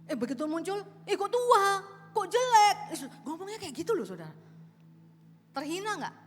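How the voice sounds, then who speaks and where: A woman in her late fifties preaches to a congregation, swinging from low asides into loud, lively exclamations. Her voice carries a long reverb through a large hall, with soft music playing underneath. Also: moderate pace. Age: 50s. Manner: animated storytelling, rising to loud exclamations. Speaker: pastor. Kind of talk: sermon. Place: large church auditorium.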